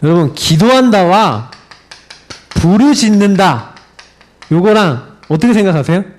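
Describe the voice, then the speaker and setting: Lively, high-voiced Korean pastor preaching. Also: male voice, unhurried. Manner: animated storytelling with laughs and acted-out cries. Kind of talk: sermon.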